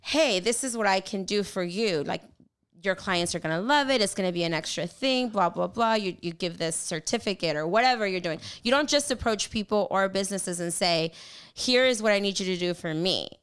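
A woman with a smooth, clear voice talks in a relaxed conversational way about her work as a photographer. She slips into acted-out voices when she quotes people, giving her talk an animated feel. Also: mid-range voice, fairly quick. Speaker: photographer and group organizer. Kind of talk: casual podcast-style chat.

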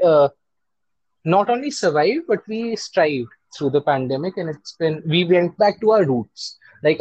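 A man's voice: on the high side, a little mellow, no room sound, muffled recording. A man with an Indian accent speaking as an interview guest, chatting casually and telling stories about running his own business. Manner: chatty, switches between English and Hindi.

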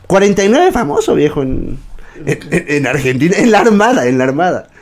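A young man in casual podcast chat, joking and swearing as he tells stories from premilitary training and acts out a sergeant's shouting. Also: on the high side, big pitch swings, a little fast, a crowd in the background. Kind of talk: casual chat, swapping anecdotes.

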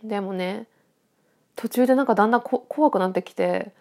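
A woman's voice: mid-range voice, brisk, darkish tone. Woman with a stuffy, nasal voice. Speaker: audio podcast host. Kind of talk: casual solo chat, thinking aloud.

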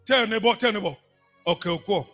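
A man preaching a sermon, calling out to the congregation and repeating phrases, swinging from hushed asides to shouts. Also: high voice, fast talker, faint music behind. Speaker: apostle preaching.

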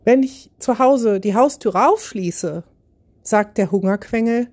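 A woman hosting a podcast, telling a humorous story in a lively, self-mocking way. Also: on the high side, unhurried. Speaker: podcast host.

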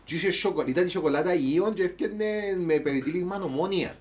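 A man's voice: fairly high pitch, darkish tone. A man with a Cypriot Greek accent hosting a casual, comedic talk show, chatting colloquially and swearing freely.

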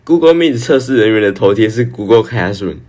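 A man's voice: fairly low pitch, expressive, a little fast, darkish tone. A teenage boy from Taiwan, co-hosting a casual podcast and giving short, laid-back replies. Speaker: podcast co-host. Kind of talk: casual chat.

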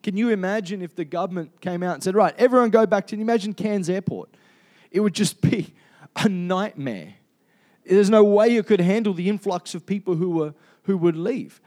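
With a high voice, lively intonation, and a darkish tone, an Australian man preaches at normal speed. He's chatty and conversational, quizzing the congregation and restarting his sentences often, with plenty of fillers.

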